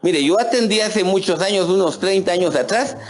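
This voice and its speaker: A man's voice: sits high, brisk. A middle-aged man with a Guatemalan accent preaching a conversational sermon, folksy, often calling listeners "hermano" and restarting his sentences. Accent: Guatemalan Spanish. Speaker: pastor.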